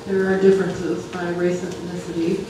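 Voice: mid-range voice, monotone. A speaker presenting data at a health planning council meeting, often restarting sentences. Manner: halting, many restarts. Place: large meeting room. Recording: echoey room from far off, noisy.

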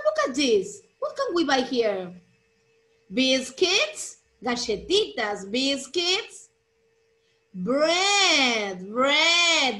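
Slow singsong woman teaching English. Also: high voice, bright, forceful tone. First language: Spanish. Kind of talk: bilingual children's English lesson.

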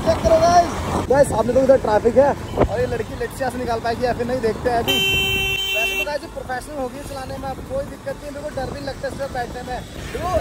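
A man's voice: extremely high pitch, very noisy. A young man vlogging casually and playfully from the back of a motorbike, teasing and talking to his viewers. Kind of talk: casual vlog chat. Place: outdoors on a motorbike and in the street.

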